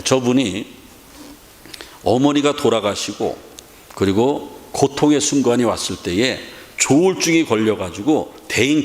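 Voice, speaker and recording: A middle-aged man preaching a sermon as pastor, emphatic and full of rhetorical questions. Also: medium pitch. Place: church sanctuary. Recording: echoey church hall with long reverb.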